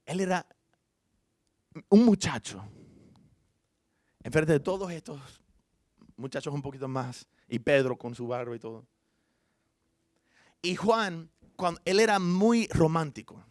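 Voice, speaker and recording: A male pastor delivering a sermon in a lively storytelling way. His voice sits a bit high for a man and swings from hushed to loud. The sound is close and dry, with no room echo. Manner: informal asides and self-corrections.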